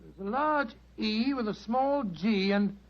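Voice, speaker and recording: A genial, admiring British doctor in a vintage radio play. His voice is pitched high for a man, earnest and courteous. The recording sounds dull and lo-fi. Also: animated, slow pace, full character voice. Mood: curious, puzzled. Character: Doctor Watson, genial, eager, admiring gentleman narrator and friend. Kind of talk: old-time radio drama acting and narration.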